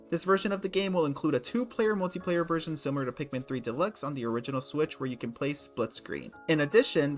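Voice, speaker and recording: A man's voice: a little high, fairly bright tone. A man casually talking through his gaming predictions, sarcastic and swearing freely. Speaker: gaming video creator.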